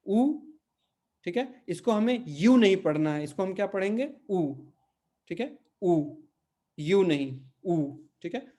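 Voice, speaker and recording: Patient man teaching pronunciation, mellow voice. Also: sits high, sing-song. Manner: patient, repeats words slowly and checks with "ठीक है?". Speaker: Portuguese language teacher. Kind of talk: spoken language lesson.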